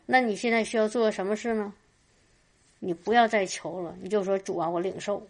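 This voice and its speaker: A woman's voice: mid-range voice, fairly even intonation, brisk, darkish tone. A woman preaching at a church meeting in a fervent testimony style, often crying out hallelujah and stumbling over repeated words. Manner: stammers and repeats words while talking.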